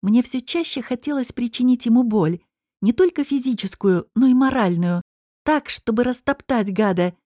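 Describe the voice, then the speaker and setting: Woman narrating an audiobook, mellow. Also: a little high, dry recording, clean studio sound. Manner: measured, expressive storytelling. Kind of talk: first-person audiobook narration.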